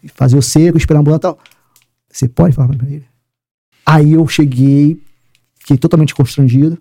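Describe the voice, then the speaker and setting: A man, a police sergeant telling a personal faith story in an interview, acting out dialogue and sinking very low at emotional points. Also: fairly even intonation, a little fast, vocal fry, warm tone. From Rio de Janeiro, Brazil. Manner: emphatic storyteller who acts out dialogue and drops very low in emotional moments.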